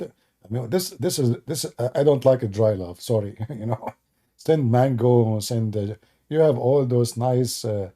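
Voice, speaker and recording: Speaking broken English on a casual live stream, this native Arabic speaker from the Middle East has a dark, mid-range voice with vocal fry. He jokes around with his viewers, answering with sarcasm and poking fun at the chat.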